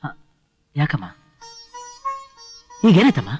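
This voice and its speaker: An actor playing a hot-tempered young husband who is curt and commanding, later remorseful. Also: male voice, a little high, huge pitch swings, takes it slowly, darkish tone, muffled recording, heavily acted. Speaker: film character. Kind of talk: melodramatic film acting. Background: film score music.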